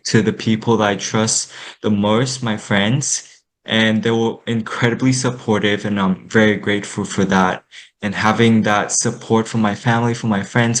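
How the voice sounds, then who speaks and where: A young man from Vietnam, a student guest in an interview, speaking in a thoughtful, measured way with some fillers. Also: fairly low pitch, poor audio. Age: young adult. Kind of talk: casual interview talk.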